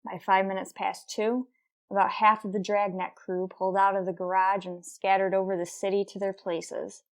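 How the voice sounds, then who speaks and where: A woman with a medium-pitched, natural voice speaks at a moderate pace. As narrator and lead actor of a radio crime drama, she plays a determined, businesslike police detective sergeant in a clipped, terse, deadpan, procedural manner.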